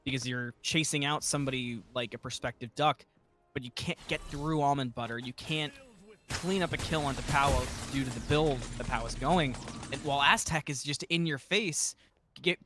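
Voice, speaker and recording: A man giving live play-by-play esports commentary like a fighting game announcer, building to drawn-out calls when the action heats up. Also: mid-range voice, fairly bright tone, slight background noise.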